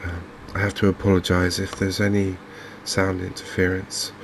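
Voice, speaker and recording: In a gentle, low voice, an Englishman who hosts gaming videos talks through a game as ASMR commentary. He is slow and a touch hesitant, musing quietly, with extremely even delivery and gravel at the edges of his voice. Fans and open windows leave faint noise in the recording.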